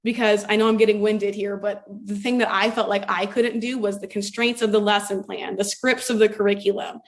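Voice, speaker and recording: A woman's voice: mid-range voice, level tone, brisk. A young adult woman from Ohio, a former elementary school teacher, speaking earnestly and reflectively as an interview guest. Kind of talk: conversational interview.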